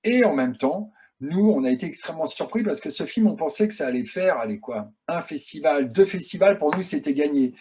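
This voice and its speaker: Male guest, husky mellow timbre, chatty animated storyteller. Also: fairly high pitch, fairly quick, hardly any pauses. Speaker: guest filmmaker. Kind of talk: casual interview answers.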